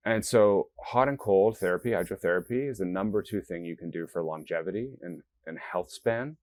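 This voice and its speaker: This is a man with a notably deep, low voice, speaking in an interview. He explains things earnestly and step by step, slipping into quoted self-talk along the way. The sound is close and dry, with no room echo. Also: a little fast, a little mellow. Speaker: guest, company founder. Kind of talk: interview conversation.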